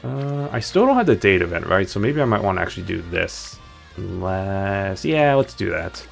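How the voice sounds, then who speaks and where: A man's voice: low-pitched, big pitch swings, normal speed, creaky. A man streaming a video game, chatting casually and rambling through his choices with playful asides. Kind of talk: casual gameplay commentary. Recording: background game music.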